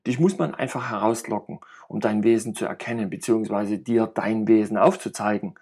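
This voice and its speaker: A man's voice: mid-range voice, lively intonation, moderate pace, a little mellow, husky. A man reading aloud and voicing a jovial, talkative middle-aged friend who rambles and teases with cynical humor. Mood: playful teasing. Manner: rambling, playful banter.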